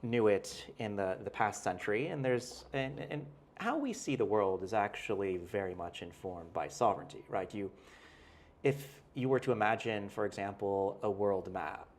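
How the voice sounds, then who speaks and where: Speaking at a moderate pace in a fairly low voice, a professor guesting on an interview works through his ideas in a careful, hedging way. He frequently restarts and tags his points with "right?" in the conversational exchange.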